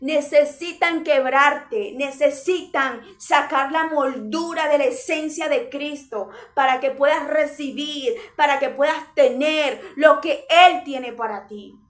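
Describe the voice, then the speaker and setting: A woman delivers a sermon in a high voice, stacking short repeated phrases for emphasis. Her voice rings with a roomy echo around it. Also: measured pace, hardly any pauses. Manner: emphatic, repetitive preaching in short parallel phrases. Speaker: preacher.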